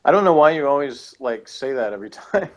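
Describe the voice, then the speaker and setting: In a mid-range voice, animated and fast, a man co-hosts a podcast reviewing TV episodes. The chat is casual, and he rambles and hedges while arguing his points.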